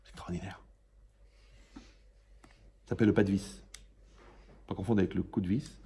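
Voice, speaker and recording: Male rabbi, informal religious lesson to a live room; gravelly tone, jokey, conversational teacher. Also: deep voice, steady tone, fast, noisy background. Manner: joking, conversational, quizzes the audience.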